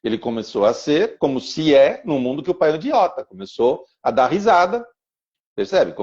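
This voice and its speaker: A man's voice: on the high side, big pitch swings, normal speed, darkish tone. A man teaching on a podcast and telling a personal story, with rhythmic repeated phrases and stammered restarts. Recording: dull lo-fi sound.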